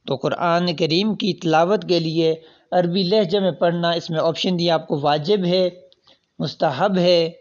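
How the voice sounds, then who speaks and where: A man's voice: a little high, lo-fi sound. Man with a raised voice going through exam answers. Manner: reads out options, then explains each answer. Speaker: teacher. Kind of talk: solving past exam questions.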